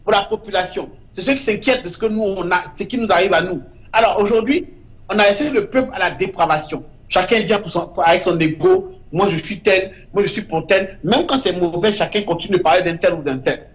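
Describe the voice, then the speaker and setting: A man's voice: high voice, a little fast. A man, a guest artist in an interview, speaking with emphasis and repeating short verdicts. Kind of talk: impassioned interview talk.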